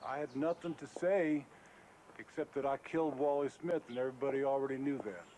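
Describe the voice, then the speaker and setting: An actor playing a remorseful, withdrawn man, halting and reticent, in a film drama. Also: mid-range voice, mellow, slight background noise, lightly acted, rough recording. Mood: remorseful, resigned. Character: remorseful, withdrawn man leaving home after a trial. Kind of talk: naturalistic film drama acting.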